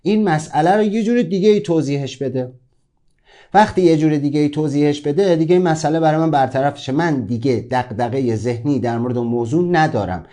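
Mellow-voiced man giving a motivational talk. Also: on the high side. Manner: conversational, addresses listeners directly. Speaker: self-help course teacher.

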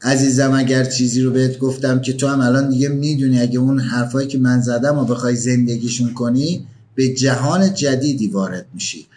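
A man's voice: medium pitch, a little mellow, slight background noise. A man giving a motivational talk, pressing the listener with emphatic questions. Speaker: motivational speaker.

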